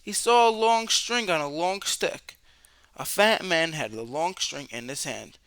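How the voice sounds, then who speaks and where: This children's story is read aloud by a man with a clean tone and a pitch on the high side. He narrates expressively for young listeners, lingering on words and posing dramatic questions, in a dry recording.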